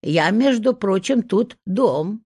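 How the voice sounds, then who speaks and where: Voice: mid-range voice, big pitch swings, normal speed, gravelly, darkish tone, slightly rough, no room sound, clean studio sound, exaggerated voice. A reader voicing a grumpy talking old hut, female, that grumbles and takes offence. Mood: indignant. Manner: grumbling, indignant.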